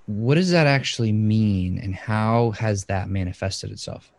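A man hosting a podcast interview, asking measured, thoughtful questions. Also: fairly low pitch, creaky, darkish tone, dry recording. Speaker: podcast host.

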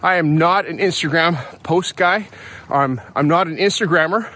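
A man's voice: a little high, normal speed, sharp tone. A man recording a casual audio diary outdoors, a podcast host talking in a chatty, rambling way and correcting himself as he goes. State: out of breath. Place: outdoors on a hill at dawn.

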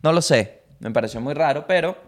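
A man's voice: on the high side, expressive, brisk. A young man hosts a comedy podcast, telling stories as a monologue, swearing freely and acting out quotes in jumpy voices. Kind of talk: comic monologue.

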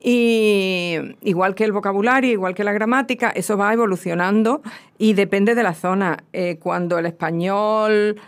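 A woman's voice: mid-range voice, moderate pace. A woman with a southern Spanish accent, a guest expert explaining at length in casual chat with frequent restarts. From southern Spain. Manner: lecturing, many restarts and fillers.

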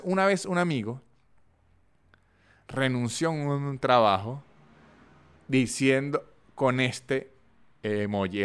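A podcast host with a Venezuelan Andean accent talks in a relaxed, chatty monologue. His voice is smooth and clear, pitched in an ordinary middle range, and he tells his points as lively little stories. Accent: Venezuelan Andean (gocho). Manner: animated, chatty storytelling with acted-out voice notes.

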